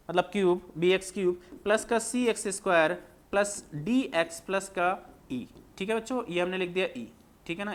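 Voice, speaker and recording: High-pitched maths sir, keeps asking the kids stuff and answering it himself, repeats everything. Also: male voice. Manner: repetitive, asks students questions then answers them. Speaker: maths teacher. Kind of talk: classroom lecture explaining on screen.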